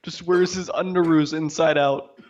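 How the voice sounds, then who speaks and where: A man's voice: on the high side, fairly even intonation, normal speed, highs cut off. A male caller on a call-in show, mocking the host with laughing insults.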